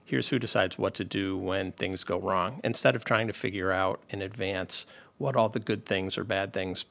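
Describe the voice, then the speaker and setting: Legal expert guest, man, low gravelly voice, lectures with lots of restarts. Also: steady tone, moderate pace, fairly bright tone. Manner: lecturing, many restarts and fillers. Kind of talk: explanatory radio interview.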